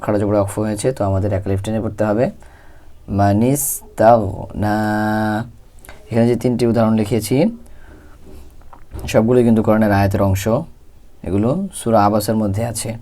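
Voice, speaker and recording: Male Quran reading teacher, patient step-by-step lesson delivery, lowish warm tone. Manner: spells out letters and vowel marks slowly, then reads them together.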